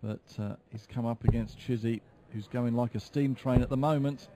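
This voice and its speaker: A man giving live darts commentary in a measured, explanatory way. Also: medium pitch, fairly even intonation, mellow. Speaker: sports commentator.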